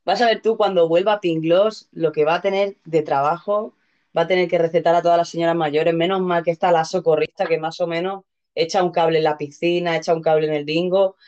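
A woman's voice: lowish voice, steady tone, fairly quick, darkish tone. Playful Castilian Spanish woman host, dull lo-fi audio. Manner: playful, exclamatory. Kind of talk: casual live show chat.

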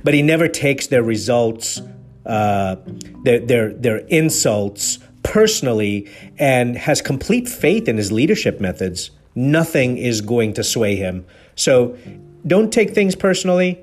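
A man's voice: medium pitch, sing-song, unhurried, soft background music. A man from Kenya hosting a podcast, giving an earnest, preachy motivational talk on leadership that is full of rhetorical questions. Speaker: podcast host.

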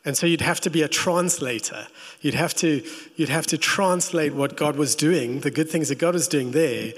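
A pastor preaches a sermon, telling the story in an animated way and making playful asides to the congregation. His voice is a little high, with a big-room sound.

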